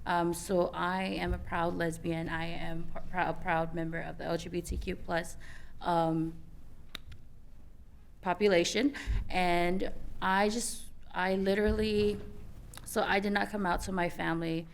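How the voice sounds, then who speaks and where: A woman's voice: fairly low pitch, flat delivery, unhurried, gravelly, slight background noise. A young woman from American Samoa, speaking on a youth panel, telling her personal story candidly with many fillers and restarts.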